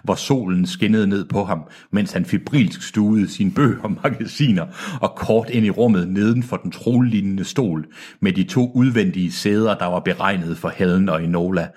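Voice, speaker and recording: A man's voice: deep voice, a little mellow, husky. A man reading a book aloud on a podcast, who breaks off to joke and swear. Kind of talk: casual reading with comic asides.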